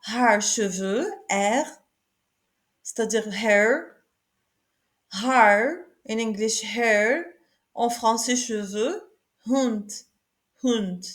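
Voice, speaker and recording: Slow-paced woman teaching a German lesson. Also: mid-range voice. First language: Arabic. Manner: repeats each word in German, French and English; hesitant, with fillers. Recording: soft music behind.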